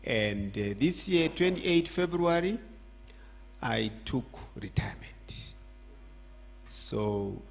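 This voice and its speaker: Slow, emphatic older Zambian man speaking. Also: mid-range voice, a little hiss or hum. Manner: emphatic, repeats phrases with rising force. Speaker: guest speaker. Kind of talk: church address.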